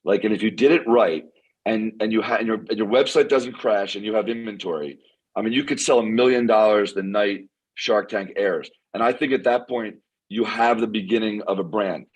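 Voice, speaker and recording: Hoarse guy losing his voice, raspy, talks fast and excited, lots of likes. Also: on the low side, low-quality recording. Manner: excited, repeats words, many "like" fillers. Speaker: inventor guest. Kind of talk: casual interview chat.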